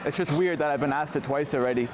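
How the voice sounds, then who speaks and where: A man gives a loose, conversational walking tour as a travel vlogger on a city street outdoors. His fairly high voice moves at a quick pace over the noise of traffic and the street.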